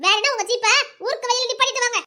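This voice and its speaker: A woman voicing a sharp-tongued, proud young schoolteacher who scolds and retorts indignantly in an audio drama. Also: extremely high pitch, racing.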